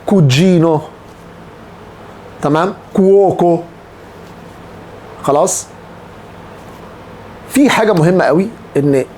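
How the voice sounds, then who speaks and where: A man's voice: a little high, darkish tone, a little hiss or hum. A man with an Egyptian Arabic accent teaching a language lesson, patiently repeating example words to drill pronunciation. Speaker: Italian teacher.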